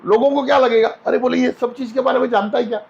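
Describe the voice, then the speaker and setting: A man's voice: extremely high pitch, fairly even intonation, quick pace, vocal fry, darkish tone, muffled recording. A man as a spiritual guest, telling homely anecdotes in a casual interview and acting out the voices in them. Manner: anecdotal, folksy, acts out quoted voices.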